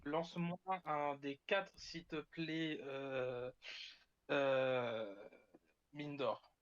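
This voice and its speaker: Slow, halting game master. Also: male voice, mid-range voice, fairly even intonation, no echo. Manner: slow, halting, repeats words. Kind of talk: narrating a tabletop game. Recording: dull, dry lo-fi sound.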